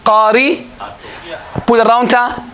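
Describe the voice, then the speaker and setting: A man's voice: extremely high pitch, steady tone, takes it slowly, pushed and bright, slight background noise, poor audio. A man teaching an Arabic grammar class at a mosque, patient and repetitive, often quizzing his students. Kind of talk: classroom lesson.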